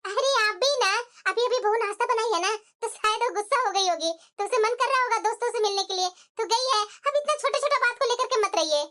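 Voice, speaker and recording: A woman voicing a soft-spoken, meek mother-in-law in a cartoon, who soothes and calms everyone. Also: extremely high pitch, a little fast, hardly any pauses, voice pushed down. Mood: reassuring. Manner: soothing, placating. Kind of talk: cartoon voice acting.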